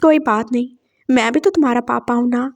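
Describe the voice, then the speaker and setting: A woman voicing a kind, trusting middle-aged father who speaks gently, in a story read aloud. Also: a little high, a little fast, lightly acted. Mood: gentle. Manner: gentle, reassuring.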